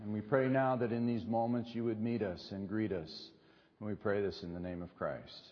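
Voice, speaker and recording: A man's voice: on the low side, steady tone, moderate pace. A man in his forties preaching an earnest, conversational sermon at a pulpit microphone in a church sanctuary. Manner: earnest, conversational, with frequent uh fillers. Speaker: pastor. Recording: long church reverb, slightly dull sound.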